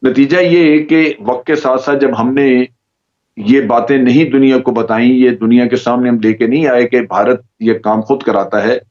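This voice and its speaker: A man with a Pakistani Urdu accent, a judge giving measured, explanatory answers as a guest on a TV current-affairs program. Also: mid-range voice, steady tone, darkish tone. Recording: slightly dull lo-fi audio.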